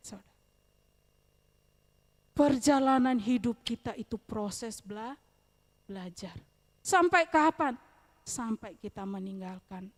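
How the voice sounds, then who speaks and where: A woman evangelist giving a church sermon, lively, with loud rising questions and quiet asides. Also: mid-range voice, slightly rough. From eastern Indonesia. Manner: addresses listeners as "saudara", speaks with humor. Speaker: evangelist preacher. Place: church service.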